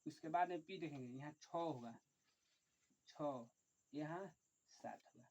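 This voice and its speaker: A man teaching an online chemistry lesson, dictating slowly and repetitively, often saying "look" and counting aloud. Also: on the high side, darkish tone. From Bihar, India. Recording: dull lo-fi recording.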